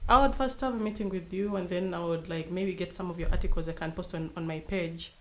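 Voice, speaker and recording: Lowish-voiced young woman, hesitant guest. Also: fairly even intonation, fast. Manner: hesitant, restarts often. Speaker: podcast guest. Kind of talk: casual conversation.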